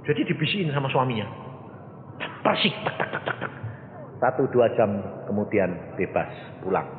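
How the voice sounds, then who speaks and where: A man's voice: medium pitch, sing-song, normal speed, a little hiss or hum. A male evangelist preaching a sermon. He tells stories, acts out the voices in them, and asks the congregation questions. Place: church hall. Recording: echoey hall, phone-like thin sound.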